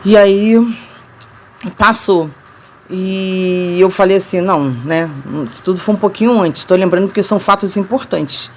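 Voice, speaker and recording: A woman's voice: mid-range voice, fairly even intonation, moderate pace, slight background noise. Chatty Brazilian woman telling her story. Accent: Rio de Janeiro Brazilian Portuguese. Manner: chatty, addresses viewers as "gente", laughs between sentences. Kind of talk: casual personal storytelling.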